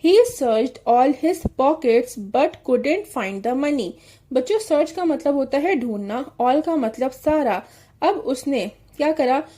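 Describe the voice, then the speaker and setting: A woman teaching an English story to children, reading lines slowly and then explaining them with questions. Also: high voice, mellow.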